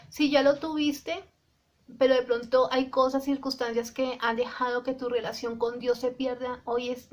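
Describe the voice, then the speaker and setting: A woman preaching a sermon in Spanish style, earnestly addressing the listener and slowing down to quote scripture, with some restarts. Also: on the high side. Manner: restarts and repeats words.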